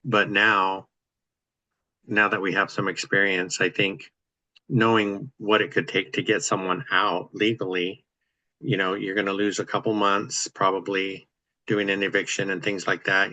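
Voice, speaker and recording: Deep, flat-voiced man explaining plumbing. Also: moderate pace, dry recording, rough recording. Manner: practical, explanatory, easygoing. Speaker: real estate investor host. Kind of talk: casual chat on a video call. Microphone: video call.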